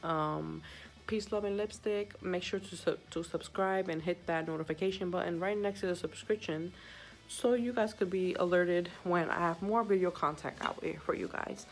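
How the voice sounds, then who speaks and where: A woman's voice: on the low side, steady tone, moderate pace, faint music behind, low-quality recording. A young woman who works as a hospital sitter, telling a story in a chatty, subdued way with many fillers and recording on her phone. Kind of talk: casual story-time vlog.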